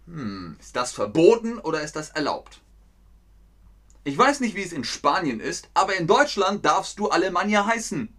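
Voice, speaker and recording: A man giving a playful live-stream lesson to his chat, speaking slowly and clearly. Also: on the high side, bright, forceful tone. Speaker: German teacher streaming to chat.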